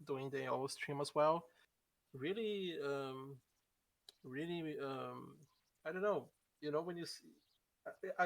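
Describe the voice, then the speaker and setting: A man's voice: fairly high pitch, gravelly, fairly bright tone. A man in his late twenties from Brazil, a streamer answering interview questions hesitantly with many ums. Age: 20s. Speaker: guest streamer.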